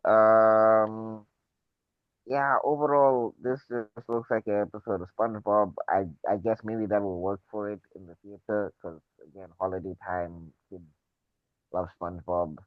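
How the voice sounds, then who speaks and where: Muffled, low-voiced man on a call. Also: steady tone, a little slow, no echo. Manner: laid-back, rambling with restarts. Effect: muffled sound from a poor mic connection. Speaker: podcast co-host. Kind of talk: casual chat. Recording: muffled, dull remote call audio.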